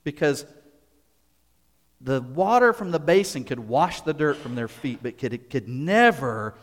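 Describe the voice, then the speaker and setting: A man's voice: on the high side, lively intonation. Emphatic male preacher in a reverberant hall. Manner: emphatic, deliberate preaching with repeated words and pauses. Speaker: pastor. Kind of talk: sermon.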